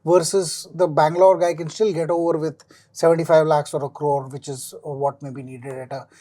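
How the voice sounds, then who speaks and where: Man explaining, mellow dark voice. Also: fairly high pitch, flat delivery, moderate pace. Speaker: panel guest, finance commentator. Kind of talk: informal panel discussion.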